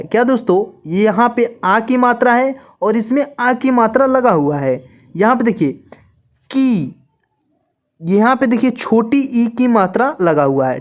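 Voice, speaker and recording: Slow, patient woman teaching a lesson. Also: fairly high pitch. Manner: repeats each point and asks the class questions. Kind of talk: slow classroom-style lesson.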